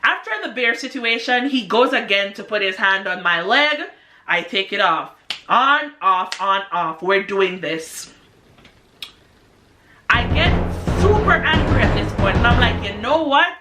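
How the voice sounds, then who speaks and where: Bright-voiced woman telling a story. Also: mid-range voice, measured pace, slight background noise. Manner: animated, exclamatory storytelling with many "like"s. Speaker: vlogger. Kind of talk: casual storytime vlog. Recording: echoey room.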